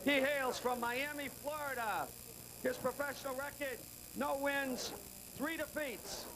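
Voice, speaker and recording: A man's voice: very high voice, steady tone, unhurried, a crowd in the background. A man announcing boxing introductions formally, projecting and drawing out names in a live venue. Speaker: ring announcer. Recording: noisy live fight venue.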